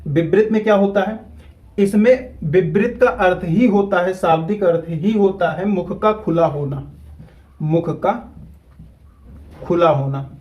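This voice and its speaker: A man teaching a grammar lesson at a whiteboard, repeating key terms slowly so students can follow. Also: sits high, lo-fi sound.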